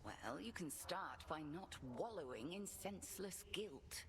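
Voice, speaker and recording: A woman's voice: lowish voice, sing-song, measured pace, a bit bright, slight background noise, full character voice. A woman voicing a stern, wise witch mentor in a video game, with archaic, commanding, theatrical speech. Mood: stern reassurance. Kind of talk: video game character acting.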